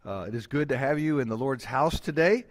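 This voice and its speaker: A man's voice: medium pitch, fairly quick. A man, a pastor preaching a sermon in a church, telling folksy, humorous stories with many fillers and restarts. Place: church sanctuary.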